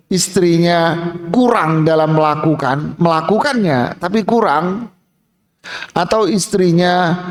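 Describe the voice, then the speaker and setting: A male Islamic preacher speaking to a mosque congregation in a lively, chatty way. He talks in a rather high voice and breaks into everyday examples as he teaches. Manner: lively, colloquial, acts out examples. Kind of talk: mosque sermon.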